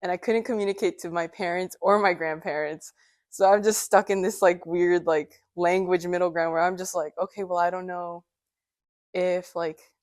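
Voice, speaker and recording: A woman's voice: on the low side, steady tone, moderate pace, a little mellow, dry recording, studio quality. A young woman interviewed for a documentary, speaking hesitantly with many fillers. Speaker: student interviewee.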